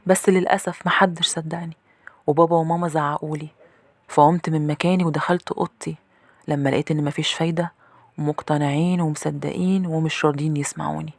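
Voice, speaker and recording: Woman, Egyptian accent, horror story narration, low voice, quick pace, dry close sound. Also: fairly even intonation, no echo. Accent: Egyptian Arabic. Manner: tense, confiding, brisk storytelling.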